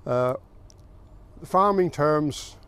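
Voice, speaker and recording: An older man from the south of Ireland, a farmer recalling his family's history in a plain, unhurried way with small pauses. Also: fairly high pitch, a bit bright, clear, resonant tone. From south of Ireland, County Meath. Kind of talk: oral history recollection.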